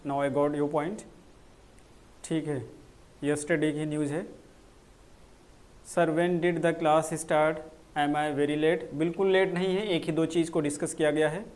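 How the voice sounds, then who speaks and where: A man teaching English grammar in a live online class, answering viewer comments and slowly repeating key phrases. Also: a little high.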